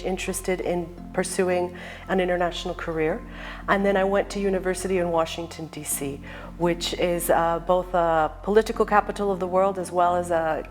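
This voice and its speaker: A woman, working in international development, giving a composed interview answer. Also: on the low side. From United States. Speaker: development official.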